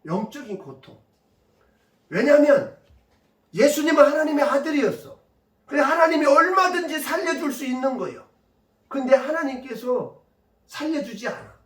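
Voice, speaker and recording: A man's voice: extremely high pitch, animated, normal speed, pauses often, a bit bright. A male pastor preaching a sermon and telling stories, pressing points home with rhetorical questions to the congregation. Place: church sanctuary. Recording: echoey church from a distance.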